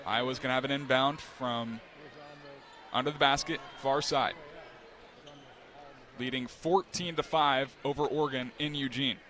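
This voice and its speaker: A young male play-by-play announcer calls a game live in a quick, crisp style, his mid-range voice climbing into excited shouts on big plays. The broadcast is full of loud arena crowd noise.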